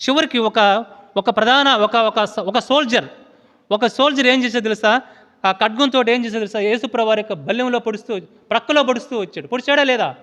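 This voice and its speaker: Man, pastor, sermon, very high voice, questions the congregation, reverberant church hall. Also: a bit bright. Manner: questioning the congregation, with restarts and long pauses.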